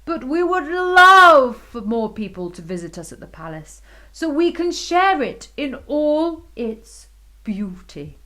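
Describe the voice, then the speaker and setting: A bellowing, pompous storybook king, put on by a woman reading aloud to small children. He speaks loudly and slowly, with a lively rise and fall. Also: sits high, voice pushed up, heavily acted. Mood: earnest. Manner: loud, bellowing. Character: booming pompous king, middle-aged man.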